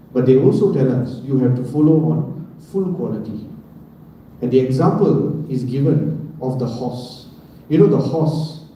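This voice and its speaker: A man's voice: mid-range voice, lo-fi sound, slight background noise. A man preaching a scripture class as a sermon, asking the audience questions and answering them himself. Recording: roomy, distant room recording.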